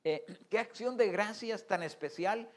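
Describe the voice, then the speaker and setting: A man's voice: high-pitched, unhurried. A male pastor preaching an online church sermon in an earnest way, often restarting and stammering over words. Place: church service streamed online.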